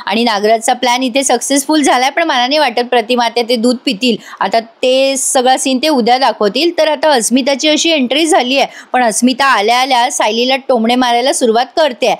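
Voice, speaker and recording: A chatty woman reviewer narrates a TV serial episode in a voice-over and keeps turning to address her viewers directly. Her voice sits high in pitch. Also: fairly quick, few pauses.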